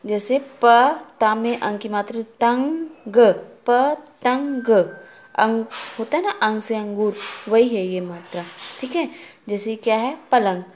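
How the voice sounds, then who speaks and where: A woman's voice: mid-range voice, steady tone, normal speed, a little hiss or hum. A woman teacher giving a kindergarten Hindi lesson, patiently sounding out words and asking questions.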